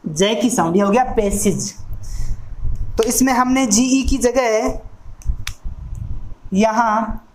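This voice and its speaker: A man teaching an exam-prep lesson who speaks slowly and deliberately, spelling out words sound by sound and repeating them for drill. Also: high-pitched, a little mellow, poor audio. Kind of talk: recorded classroom lesson.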